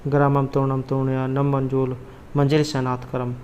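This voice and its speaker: A man's voice: medium pitch, completely flat delivery, measured pace, a little mellow, highs cut off, a little hiss or hum. A man tutoring for a Sanskrit exam, explaining each question and its answer option in a methodical way.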